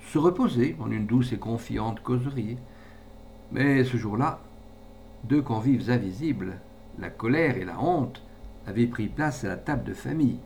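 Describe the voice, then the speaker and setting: Expressive male audiobook narrator. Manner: expressive literary reading. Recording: distant mic with faint rumble.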